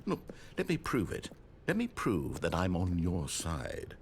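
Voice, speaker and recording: A theatrical game narrator, swinging widely in pitch as he addresses the player. He is condescending and wheedling, with a villain's smooth menace beneath his dramatic storytelling. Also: wildly swooping pitch, unhurried, a little hiss or hum, exaggerated voice. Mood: urgent pleading.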